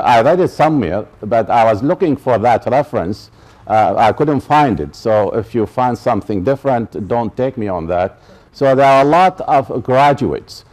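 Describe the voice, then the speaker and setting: A man's voice: mid-range voice, darkish tone. A man from Iraq gives a college lecture, stressing and repeating his key points and checking that the audience follows. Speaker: professor giving a public talk.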